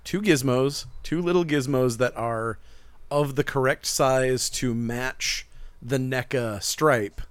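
A man with a medium-pitched, clean voice speaks slowly, with no room sound. He co-hosts a casual podcast and works at a comic shop, eagerly rambling about comics and toys and laughing often.

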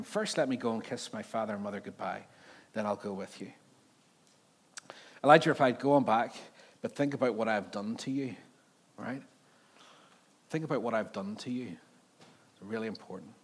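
A male preacher with a Belfast accent delivers an informal sermon at a middling pitch. He talks to his listeners conversationally, putting questions to them and often checking they follow with a short tag question. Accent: Northern Irish, Belfast. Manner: conversational, rhetorical questions, frequent "right?" check-ins.

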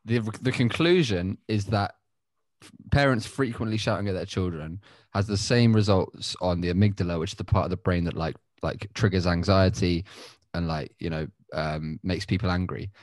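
A man's voice: deep voice, normal speed, darkish tone, dry recording. A man co-hosting a casual group podcast, explaining a point at length with many fillers. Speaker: podcast co-host.

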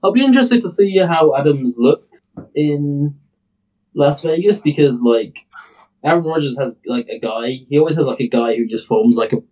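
A man's voice: on the high side, lively intonation, moderate pace, dark tone, low-quality recording. A British man co-hosting a casual sports podcast, rambling and hesitant with many fillers. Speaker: podcast co-host.

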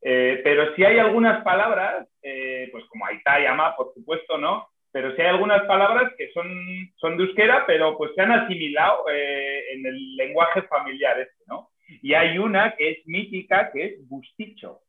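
A man's voice: a little high, expressive, moderate pace. A man chatting casually on a podcast, talking hesitantly with many restarts and fillers. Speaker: podcast co-host. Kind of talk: casual chat. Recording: echoey room over a tinny phone-like line.

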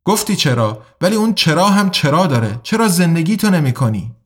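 A sly, scheming smuggler, done by a male narrator in an audiobook. He talks in a knowing, conspiratorial way and keeps his voice a little high. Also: sing-song. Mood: probing.

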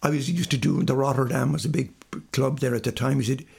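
Gravelly older man with a west of Ireland accent. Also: mid-range voice, steady tone, quick pace, darkish tone. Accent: Galway, west of Ireland. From Galway, west of Ireland. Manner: rambling anecdotes with reported dialogue. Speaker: singer and musician being interviewed. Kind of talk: conversational storytelling in an interview.

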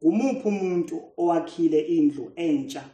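A man's voice: a little high, brisk, mellow. A man with a Zulu accent reading scripture aloud in short phrases. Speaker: scripture reader. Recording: echoey room.

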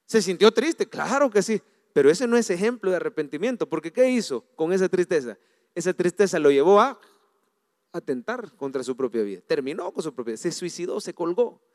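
High-voiced preacher in a reverberant hall. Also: male voice, brisk. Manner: animated preaching, swings from hushed to loud. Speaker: pastor. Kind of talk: sermon. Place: church.

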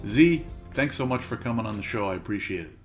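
Low-voiced male podcast host. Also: expressive, a little fast, faint music behind. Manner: conversational, asks open questions with restarts. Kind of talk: casual podcast interview.

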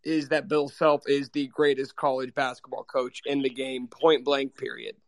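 An American man with a coarse, gravelly voice hoarse from a cold, giving grandly emphatic sports fan commentary as a caller in a live audio chat. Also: mid-range voice, flat delivery, normal speed, no room sound. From Kansas, United States. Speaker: guest caller, basketball fan.

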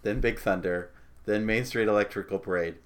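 A man hosting a casual interview with a slightly low voice. He asks his guest relaxed, joking questions. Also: brisk.

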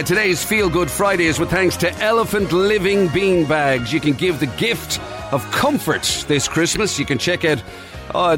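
Higher-pitched Irish male breakfast radio host. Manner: chatty, informal. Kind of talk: casual breakfast radio presenting.

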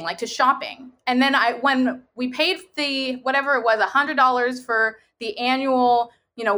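Very bright-voiced woman telling her story. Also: a little high. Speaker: podcast guest, online seller. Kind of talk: conversational interview storytelling.

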